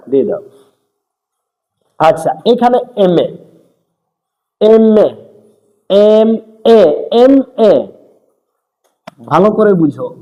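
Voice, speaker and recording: The recording is lo-fi and echoey with long reverb as a male teacher, his voice a little high and darkish, gives a grammar lesson. He speaks directly to his students, mixing in English terms and repeatedly confirming they follow.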